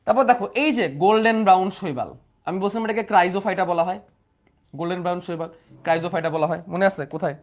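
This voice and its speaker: A man's voice: high voice, brisk. A young man teaching a biology exam-prep class, repeating questions and prompting students to answer. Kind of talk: online exam-prep lecture.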